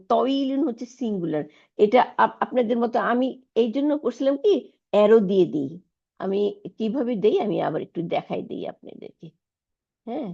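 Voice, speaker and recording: Woman Arabic teacher, gravelly, patient step-by-step lecture, dull lo-fi recording. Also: medium pitch, a little mellow. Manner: explains step by step, mixing in English terms. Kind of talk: online lecture explaining grammar.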